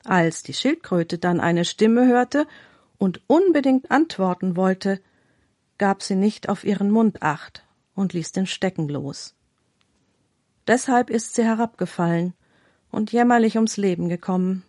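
A woman presenting a radio talk and reading a parable in a calm, clear, formal manner. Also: medium pitch, measured pace, dry recording, clean studio sound. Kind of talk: scripted storytelling reading.

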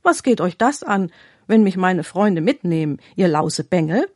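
A woman reading the lines of a talkative, quick-tempered turtle in a storybook tale, with an indignant, scolding manner. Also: fairly low pitch, big pitch swings, a little mellow, no room sound, clean studio sound. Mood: annoyed. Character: chatty hot-tempered turtle.

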